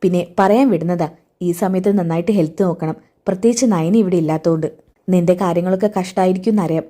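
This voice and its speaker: A woman reading the part of a calm, caring young man who soothes a pregnant relative. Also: lowish voice, fast talker, close to an everyday voice. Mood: reassuring. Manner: soothing, reassuring, turns flustered when hiding things.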